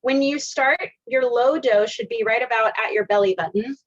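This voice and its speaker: An encouraging woman leads an online choir class, her voice sitting a little high. She alternates bright praise with sung solfege demonstrations. The audio is somewhat muffled and lo-fi. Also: normal speed. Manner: upbeat, encouraging, sings solfege scales. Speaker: choir ear-training teacher. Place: video call class.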